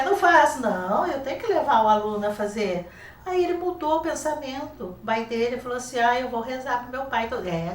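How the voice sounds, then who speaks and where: Lively older Brazilian woman teacher. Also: on the high side, far from the mic, slight background noise. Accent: Brazilian Portuguese. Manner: lively, acts out quoted dialogue. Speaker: guest author and teacher. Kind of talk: casual interview storytelling. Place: TV studio. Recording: roomy, off-mic studio sound.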